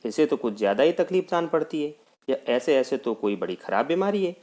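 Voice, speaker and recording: A man's voice: mid-range voice, sing-song, brisk, darkish tone, natural voice. A male teacher voicing a worried mother who coaxes and frets over her sick young son. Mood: anxious. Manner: fussing, pleading.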